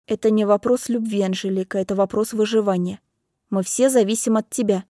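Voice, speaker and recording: A woman's voice: mid-range voice, steady tone, a little fast, warm tone, no room sound, clean studio sound, lightly acted. A woman reading the part of a stern, desperate middle-aged mother, speaking coldly and firmly in an audiobook. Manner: cold, firm, insistent.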